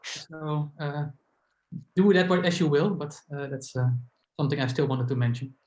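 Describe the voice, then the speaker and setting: A man's voice: a little high, moderate pace, darkish tone. Man on a call in an echoey room. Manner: friendly and hesitant, many uhs. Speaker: committee member. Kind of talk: congratulatory speech on a video call.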